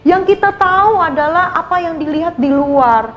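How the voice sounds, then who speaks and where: A woman's voice: extremely high pitch, expressive, moderate pace, muffled recording. A woman Sunday school teacher telling a story and coaxing children to love their parents.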